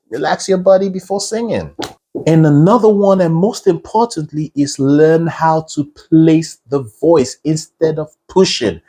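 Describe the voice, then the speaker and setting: A man's voice: fairly high pitch, dark tone. A man teaching a singing lesson as a vocal coach. He explains patiently and checks in with the listener. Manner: patient, checks in with "right?" and "okay?".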